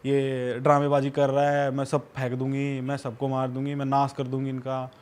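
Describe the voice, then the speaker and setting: A man's voice: mid-range voice, completely flat delivery, normal speed, darkish tone, natural voice. A man doing a furious old woman's spirit making threats, quoted in a tale.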